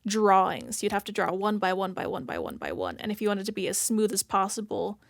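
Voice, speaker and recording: A woman's voice: mid-range voice, big pitch swings, brisk, creaky, no room sound. A woman chatting through a reaction video in a loose, rambling way, stopping often to hunt for the right word. Her speech is full of "like" and "if that makes sense." The sound is close and dry, with almost no room around it. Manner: thinks aloud, searching for words. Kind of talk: casual reaction commentary.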